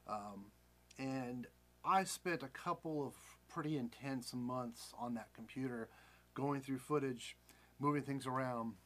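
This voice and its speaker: A man's voice: mid-range voice, unhurried, fairly bright tone. American male vlogger, forties, mid-range voice, candid and rambling personal account. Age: 40s. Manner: rambling, candid, self-correcting. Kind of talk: casual personal storytelling.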